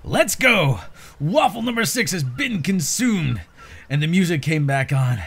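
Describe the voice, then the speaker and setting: A man's voice: on the high side, sing-song, unhurried, fairly bright tone, husky. A man giving an informal, slangy, theatrically exasperated reading of social media posts.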